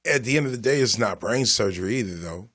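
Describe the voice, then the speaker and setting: A man's voice: fairly low pitch, lively intonation, fast talker, a bit bright. A man, a stand-up comedian guest, giving laid-back, profane advice in a casual chat.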